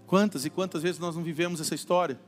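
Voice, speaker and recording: High-voiced Brazilian pastor preaching. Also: male voice, steady tone, fast. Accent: Brazilian Portuguese. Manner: conversational preaching with acted-out everyday quotes. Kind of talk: sermon. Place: church hall. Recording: reverberant church hall with faint music.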